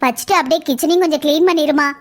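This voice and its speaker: Voice actor as bossy cartoon sister-in-law; very high, brisk, coaxing. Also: close to an everyday voice. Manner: coaxing but giving orders. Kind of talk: cartoon voice acting.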